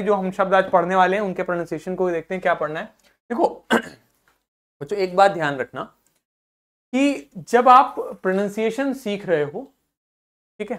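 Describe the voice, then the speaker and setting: A man's voice: high-pitched, a bit bright. Man drilling pronunciation syllable by syllable. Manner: drills words syllable by syllable, repeating each several times; peppers speech with "theek hai" checks to the class. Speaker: English teacher. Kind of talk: classroom lesson for school students.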